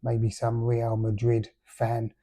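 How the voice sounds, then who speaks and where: A man's voice: mid-range voice, completely flat delivery, slow pace, dark tone. A middle-aged man hosting a casual solo football podcast, hesitant with many fillers and dry, understated remarks. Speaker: podcast host.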